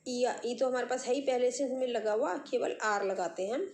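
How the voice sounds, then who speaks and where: A woman's voice: a little high, a little mellow. A woman teacher giving a grammar lesson to young pupils, spelling words out letter by letter and saying the terms. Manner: slow, spells words letter by letter, repeats "ठीक है". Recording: echoey room with faint background noise.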